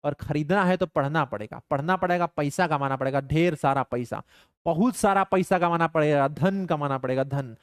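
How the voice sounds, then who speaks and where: A man's voice: a little high, moderate pace, clear, resonant tone, no room sound, studio quality. A young man teaching physics in a live online class, mixing stern banter with his students into worked problems. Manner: playful, scolding students in banter.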